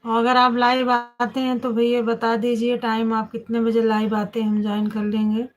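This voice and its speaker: A woman's voice: a little high, monotone, moderate pace. A woman hosting a casual live stream on her phone, greeting viewers by name and repeating devotional greetings.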